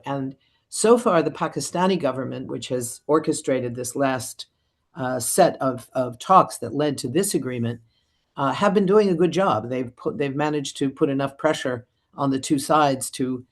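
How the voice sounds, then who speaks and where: A woman's voice: a bass voice, moderate pace. Analytical woman guest on radio. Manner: analytical, fluent with fillers. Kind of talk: radio interview.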